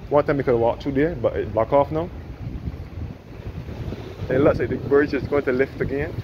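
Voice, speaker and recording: Wind muffles this outdoor clip of a man narrating a casual walking tour by a sunny harbour boardwalk. His mid-range voice moves at a moderate pace as he rambles and keeps correcting himself.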